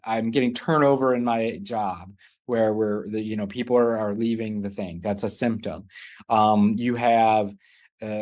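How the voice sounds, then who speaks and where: A man's voice: lowish voice, a little mellow. A man hosting a live online business masterclass, talking loosely and often rephrasing mid-sentence. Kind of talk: live online teaching session.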